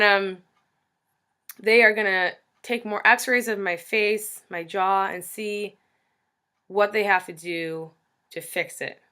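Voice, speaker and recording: American girl in her twenties vlogging, bright punchy voice, rambly and blunt about herself. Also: mid-range voice. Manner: candid, self-deprecating, mildly sweary. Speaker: vlogger giving a jaw treatment update. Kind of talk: casual rambling chat to camera.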